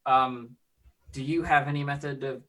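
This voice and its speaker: A man's voice: mid-range voice, steady tone, normal speed, a bit bright. A man talking casually in character as a player in a tabletop role-playing game.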